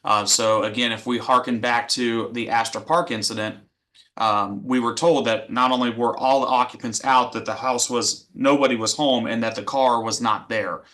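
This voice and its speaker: A man's voice: medium pitch, steady tone, moderate pace, fairly bright tone. A man giving a methodical, instructional incident review as a fire training presenter.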